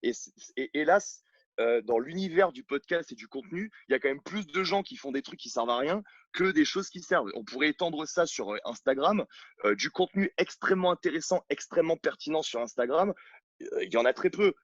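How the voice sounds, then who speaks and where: A man's voice: on the high side, lively intonation, brisk, a bit bright, dry recording, lo-fi sound. A man from France, a coach who owns gyms, speaking from his sofa at home in an outspoken interview. He is blunt and emphatic, with frequent restarts and fillers. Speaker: CrossFit coach and gym owner. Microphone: own camera.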